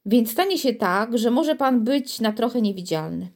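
A woman's voice: a little high, expressive, moderate pace. A woman reading the lines of a sensible little girl in a storybook, patient as she explains. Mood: explaining.

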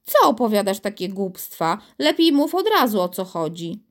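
A woman voicing a lively, eager young boy who likes to take charge. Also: medium pitch, normal speed, natural voice. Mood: bewildered. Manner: eager, commanding, excitable.

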